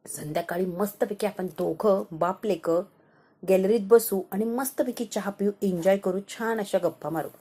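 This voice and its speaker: Woman playing a coaxing older father-in-law, mellow voice, indulgent. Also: mid-range voice, moderate pace, natural voice.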